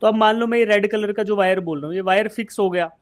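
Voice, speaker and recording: Talking at a quick pace, a fairly high-voiced Indian man gives a live online physics lecture for exam prep. He breaks the idea into steps, peppers the students with questions he answers himself, and keeps calling them "beta." The technical parts come out.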